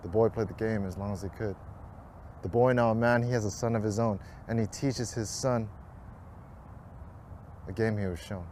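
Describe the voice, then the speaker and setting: Man, rhyming ad narration, measured rhythm, lowish voice, faint street noise. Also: steady tone, a little mellow.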